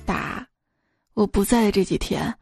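A woman's voice: medium pitch, a little slow, vocal fry, darkish tone, faint music behind. A woman hosting a radio joke segment, reading one short gag after another and raising her voice for the quoted characters. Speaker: radio host telling jokes.

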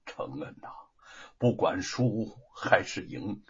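A man voicing a worried, tender older mother in a spoken storybook, soft and chiding. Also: mid-range voice, sing-song, takes it slowly, breathy edge, muffled recording, exaggerated voice.

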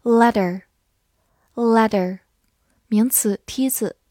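A woman giving a scripted vocabulary lesson, spelling words out letter by letter and repeating them slowly. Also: fairly high pitch, darkish tone, no echo, studio quality. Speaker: English vocabulary teacher.

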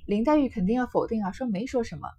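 A woman's voice: fairly high pitch, lively intonation, fast, dark tone, husky, highs cut off. A woman retelling and explaining a classic novel in a chatty way, with many fillers. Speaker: literature explainer. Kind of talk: storytelling commentary.

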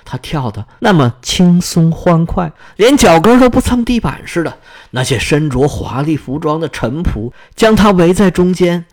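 A man reading a fairy tale aloud as storyteller, expressive and dramatic. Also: on the high side, moderate pace.

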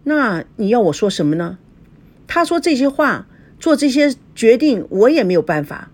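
A woman's voice: on the high side, sing-song, normal speed, darkish tone, voice pushed up. A woman voicing a wronged young bride from a rich family who answers defensively, in a storybook reading. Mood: aggrieved. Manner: aggrieved, defensive.

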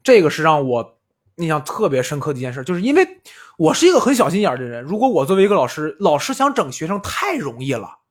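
Animated, husky-voiced man telling stories. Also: fast talker. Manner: animated storyteller, acts out quotes with big pitch jumps. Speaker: podcast host. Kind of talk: casual chat, storytelling.

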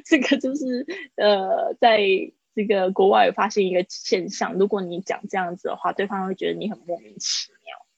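A woman's voice: medium pitch, normal speed, creaky, husky, dry recording. A woman teaching an English lesson online, explaining in Mandarin and modelling each English word twice. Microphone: online call. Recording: dull, dry live-stream audio.

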